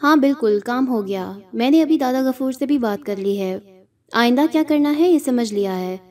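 A woman's voice: fairly high pitch, expressive, a little mellow, close to an everyday voice. A woman voicing a cheerful, reassuring middle-aged uncle in an audio horror story. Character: middle-aged uncle, cheerful, tired after a long night.

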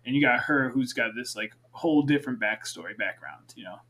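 A man's voice: mid-range voice, animated, fairly quick, sharp tone, a little hiss or hum. A man co-hosting a podcast, chatting casually and animatedly, tossing out playful questions. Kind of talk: casual chat about a TV series.

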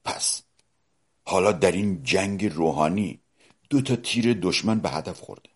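A man preaching a sermon, asking his listeners questions directly and swinging between loud outbursts and hushed low asides. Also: expressive, breathy edge.

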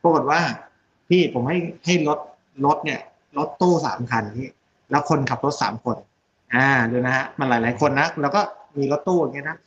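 A chatty middle-aged man tells business stories with lively asides, constantly checking that his listener follows. His voice sits at an ordinary pitch, and the recording is a touch dull with faint hiss behind it. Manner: chatty, animated storyteller, many tag questions. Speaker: surgeon and company CEO. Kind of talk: casual business interview.

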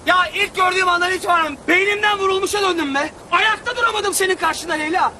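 Lovesick shouting Mecnun. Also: male voice, extremely high pitch, expressive, a little fast, a faint crowd, a little hiss or hum, exaggerated voice. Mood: passionate shouting. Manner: pleading then shouting passionately. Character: lovesick clumsy young man Mecnun. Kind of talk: TV comedy-drama acting.

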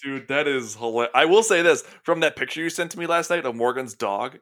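A man's voice: mid-range voice, expressive, fairly quick, fairly bright tone. A young man co-hosting a casual podcast, swearing freely and laughing as he tells stories. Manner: swearing, laughing, acts out a dog's thoughts in quotes. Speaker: podcast co-host.

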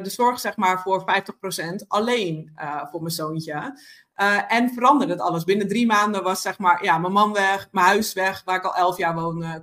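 A woman's voice: mid-range voice, a bit bright. Reflective woman telling her story. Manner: reflective, many hesitations and fillers. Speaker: podcast guest. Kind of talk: personal storytelling in conversation.

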